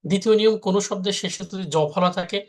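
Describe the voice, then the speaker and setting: A man's voice: high voice, flat delivery, racing. A man teaching a live grammar lesson, repeating each rule and answering his own questions.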